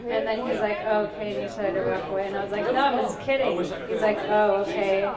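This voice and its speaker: A woman's voice: medium pitch, steady tone, fast talker. A woman in her late thirties doing a rambling, self-deprecating stand-up set in a small pub, bantering with the crowd. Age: 30s. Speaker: stand-up comic. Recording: echoey pub from far off. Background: loud crowd chatter.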